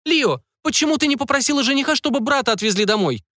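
A man voicing a domineering middle-aged mother who scolds in a shrill, nagging voice. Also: lively intonation, quick pace, pushed and bright, no echo, clean studio sound, exaggerated voice. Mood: scolding.

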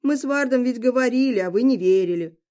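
A woman's voice: fairly high pitch, animated, fast talker, mellow, close to an everyday voice. A woman reading the part of an impatient young woman fighter who speaks in urgent exclamations.

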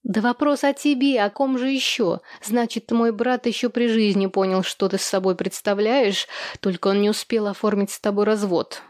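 A woman's voice: mid-range voice, steady tone, normal speed, a little mellow, dry recording, studio quality, natural voice. A woman voicing a brash, gossipy older sister who mocks and gloats. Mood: gleeful. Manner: brash, mocking.

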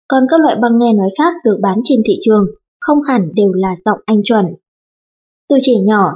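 A woman narrating an audiobook in an even, formal reading tone. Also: a little high, breathy edge. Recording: dull lo-fi audiobook recording.

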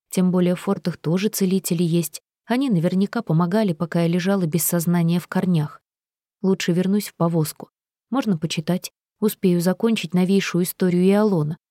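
A woman reading first-person audiobook narration in an even, steady storytelling manner. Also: on the low side, dry recording, clean studio sound.

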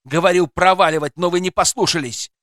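A man's voice: high-pitched, fairly even intonation, brisk, fairly bright tone, no room sound, clean studio sound, pitched above the performer's own voice. A man reading aloud and voicing a hostile, paranoid gray-haired developer who snarls and barks at intruders. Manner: snarling, barking orders.

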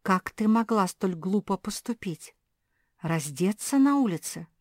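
A woman voicing a prim, strict adult female dog in an audiobook, scolding gently. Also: medium pitch, lively intonation, measured pace, no room sound, studio quality, voice pushed up.

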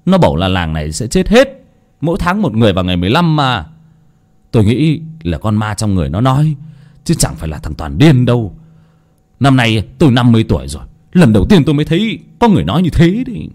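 A man voicing a chatty, superstitious fifty-year-old villager who gossips in a hurried, insistent way. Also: medium pitch, wildly swooping pitch, darkish tone. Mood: gossiping.

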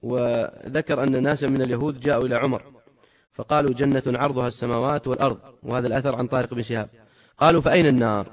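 A man teaching from a religious book, reading narrations quickly and then adding emphatic commentary. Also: medium pitch, steady tone. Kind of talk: reading and explaining a religious text.

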